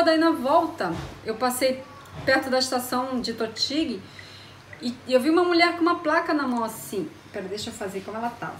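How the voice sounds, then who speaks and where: A woman's voice: fairly high pitch, roomy sound, a little hiss or hum. A woman with a Brazilian accent animatedly telling a personal story in casual chat, acting out the dialogue. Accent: Brazilian Portuguese. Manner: animated, acts out dialogue, laughs often. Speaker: storyteller guest. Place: home in Japan.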